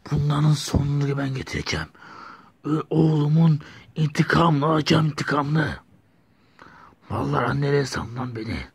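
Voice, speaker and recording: A man's voice: fairly high pitch, moderate pace, slightly rough, pitched above the performer's own voice. A man voicing a scheming male psychopath and master of disguise, in whispered role-play asides.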